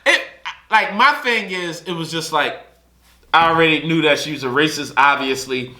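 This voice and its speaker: A man's voice: on the high side, normal speed. A young man, telling casual stories on a podcast and acting out other people's lines. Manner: animated storyteller who acts out other people's lines. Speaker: podcast host. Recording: echoey room.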